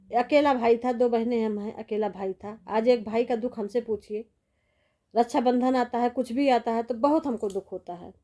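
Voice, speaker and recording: Middle-aged woman, casual vlog commentary, high mellow voice, sympathetic rambling. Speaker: vlogger.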